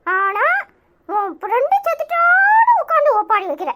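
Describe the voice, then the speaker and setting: A woman's voice: extremely high pitch, big pitch swings, moderate pace, noisy background. A woman voicing a sarcastic, nagging young grandson with a Tirunelveli Tamil accent in a cartoon. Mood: mocking. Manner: nagging, mocking questions. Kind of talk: cartoon voice acting.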